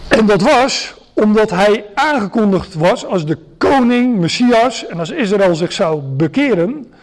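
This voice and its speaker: A man's voice: high-pitched, expressive, a little slow. A man preaching a sermon to a gathering, explaining step by step with frequent hesitations and restarts.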